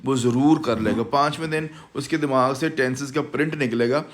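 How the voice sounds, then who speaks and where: A man's voice: mid-range voice, moderate pace. A man with a Pakistani Urdu accent, an English course instructor giving a confident, salesy promotional talk that mixes in English words. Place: language institute.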